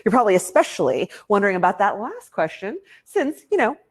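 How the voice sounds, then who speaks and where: A woman hosting a virtual fundraiser banquet over a video call, gushing and playful with quick asides. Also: mid-range voice, big pitch swings. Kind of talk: upbeat emcee patter.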